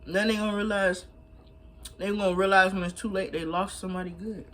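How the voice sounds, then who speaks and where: Talking while she eats, a young mukbang vlogger offers blunt, slangy, emphatic advice in a casual chat. She has a medium-pitched voice with fairly even intonation and a fairly quick pace.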